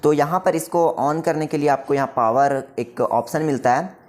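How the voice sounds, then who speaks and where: Here a man who works at a music shop shows off a keyboard in a relaxed demo, explaining every step and regularly checking in with whoever's watching. He speaks at a normal speed in a somewhat high voice, with faint keyboard sounds behind him.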